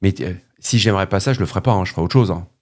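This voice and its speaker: Low-voiced French podcast host, frank. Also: male voice, racing, darkish tone. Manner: informal, rambling, frank and joking. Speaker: podcast host answering listeners. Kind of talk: casual spoken podcast.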